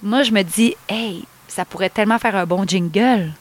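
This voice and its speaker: A Québécois woman talks as a singer being interviewed, telling stories in an animated, easygoing way. She laughs often and fills her speech with little fillers. Her voice sits at an ordinary pitch for a woman. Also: moderate pace. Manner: animated storytelling, laughs easily, lots of fillers. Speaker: singer guest. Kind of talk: casual interview chat.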